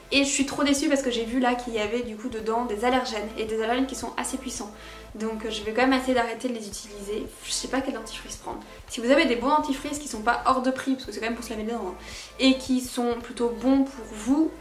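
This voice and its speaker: A woman's voice: on the high side, echoey room. A woman chatting casually and frankly through a beauty product review, laughing at herself now and then. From France. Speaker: beauty vlogger.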